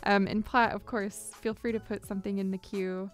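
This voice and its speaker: Speaking close to a big studio mic on a boom in her small home studio, headphones on, a young woman casually chats with viewers during her live music stream. Her voice sits in the mid range, level in tone and moderate in pace. Upbeat and talkative, she squeals hellos to the people watching.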